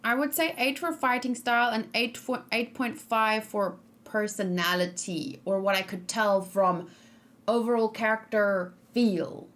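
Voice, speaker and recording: A woman live-streams in a casual way, thinking out loud as she reacts to and answers her chat, pausing and restarting often. Her voice is on the high side and a bit bright.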